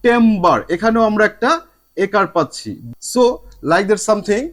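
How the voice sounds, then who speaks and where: A man with a high voice teaches a spoken lesson to his viewers. He slips English phrases into his sentences and drags each example word out slowly so it can be heard part by part. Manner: slow drawn-out word demonstrations; mixes English phrases into speech.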